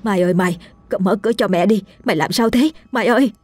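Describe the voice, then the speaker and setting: A woman voicing a worried middle-aged mother who gossips in a hushed tone about ghosts and fusses over her daughter. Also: on the low side, fairly quick, slightly rough. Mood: urgent. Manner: hushed and confiding, then urgent.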